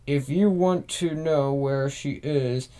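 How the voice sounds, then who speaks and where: A man's voice: mid-range voice, slow, dark tone, natural voice. A man reading out the messages of a cold, manipulative older grandmother in a plain, barely acted voice.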